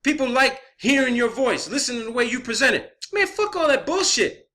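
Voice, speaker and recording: A man's voice: very high-pitched, big pitch swings, fairly quick, pushed and bright. A man delivering an unscripted, profane rant in a blunt, emphatic manner, often repeating phrases for emphasis, as an online video creator.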